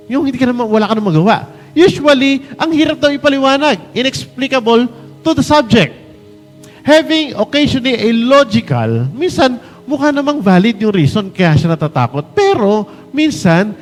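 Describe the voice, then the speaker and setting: A Filipino man preaching a sermon in an animated way, mixing Tagalog and English and acting out the voices he quotes. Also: sits high, big-room sound. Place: church hall.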